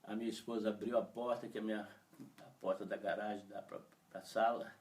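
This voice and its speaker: A man's voice: on the low side, level tone, a little fast. A man, a pastor from Brazil, telling an emotional testimony in a sermon and voicing the people he quotes. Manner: emotional storytelling, voices quoted speech. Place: church. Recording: voice from far off the mic.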